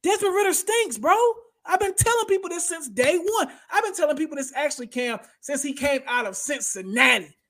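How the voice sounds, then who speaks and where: A man's voice: extremely high pitch, lively intonation, brisk, hardly any pauses, fairly bright tone. Man, podcast host, casual sports rant, slangy, heated, blunt. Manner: slangy, says "bro" and "y'all".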